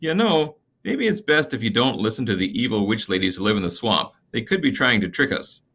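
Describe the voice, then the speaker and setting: A man's voice: medium pitch, very animated, a little fast, a bit bright. Banquo, a man doing a wary, sensible general.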